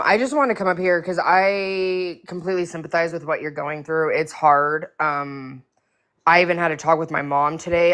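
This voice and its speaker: Woman talking with an echo on her voice, earnest, kinda low, encouraging the room. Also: fairly bright tone. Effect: echoing sound. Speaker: speaker in a live audio chat room. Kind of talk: casual heartfelt talk.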